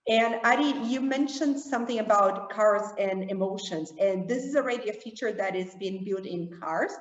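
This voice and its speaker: A woman speaking on a panel discussion as the keynote speaker, quick and animated, thinking aloud with fillers. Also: medium pitch. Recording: roomy, dull lo-fi sound with long reverb.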